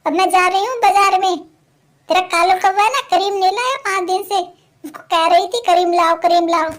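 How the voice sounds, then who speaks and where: A scheming young wife crow in a cartoon, sharp-tongued and cruel, as a woman puts her on. Her very high voice turns harsh and scolding. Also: moderate pace. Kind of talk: cartoon voice acting.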